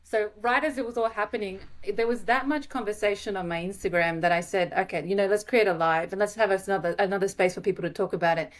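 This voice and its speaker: A woman hosting a podcast in casual, enthusiastic chat with quick asides. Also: mid-range voice, fairly even intonation. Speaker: podcast host.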